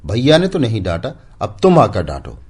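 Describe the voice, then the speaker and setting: A man voicing a sharp-tongued young village wife with a taunting, biting manner. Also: on the low side, wildly swooping pitch, normal speed, husky, pitched above the performer's own voice, full character voice.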